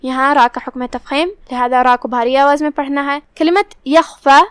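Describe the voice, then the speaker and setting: A woman teaching Quran recitation rules, explaining each point step by step in a steady teaching manner. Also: high-pitched, no room sound, studio quality. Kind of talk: tajweed lesson.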